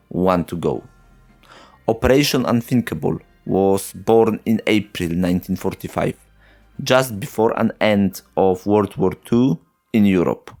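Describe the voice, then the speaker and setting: This history channel host speaks in a lowish, somewhat dark voice. He's not a native English speaker, and his slow narration is peppered with sarcastic, wry remarks and short laughs.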